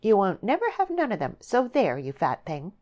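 A woman voicing a spiteful young country girl who taunts in a sweet, mocking way, with a steady hiss behind her. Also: medium pitch, slow pace, muffled recording, voice pushed up. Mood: taunting.

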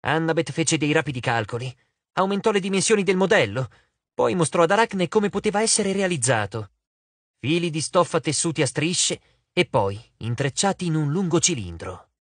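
A man narrating an audiobook in an expressive, theatrical way. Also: on the high side, moderate pace, no echo. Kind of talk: scripted narration.

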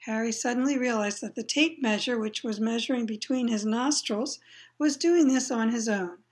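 A woman's voice: on the high side, moderate pace, husky. A woman reading a children's novel aloud, plain storytelling with brief asides to listeners. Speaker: reader.

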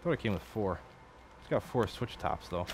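Man, lowish voice, casual workbench talk, rambling, profane, late-night home build, faint background hiss. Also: lively intonation, moderate pace, darkish tone. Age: adult. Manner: rambling, profane, self-correcting. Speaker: electronics hobbyist streamer.

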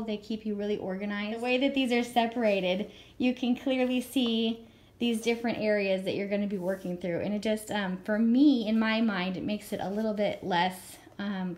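A woman in her thirties, her voice slightly hoarse from a cold, chats enthusiastically at home while showing homeschool books to the camera as a curriculum reviewer. Her voice is mid-range, and it's a casual show-and-tell in a room with a world map.

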